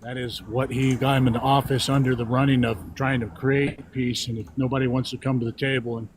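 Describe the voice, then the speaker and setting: A man's voice: mid-range voice, flat delivery, fairly quick, crowd noise. A man calling into a livestream for a casual political debate. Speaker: caller to a livestream.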